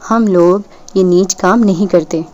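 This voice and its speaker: A woman's voice: fairly low pitch, mellow, lo-fi sound, natural voice. A woman reading the lines of a proud, easily flustered young man in an audiobook, with a curt, irritable manner.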